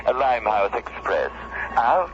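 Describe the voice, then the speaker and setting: Suave, taunting Moriarty, wildly swooping delivery. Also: male voice, medium pitch, very animated, dull audio. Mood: gloating, taunting. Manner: theatrical, drawn-out, mock-courteous. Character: suave, taunting male criminal mastermind professor. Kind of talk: radio drama acting. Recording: band-limited old radio recording over music.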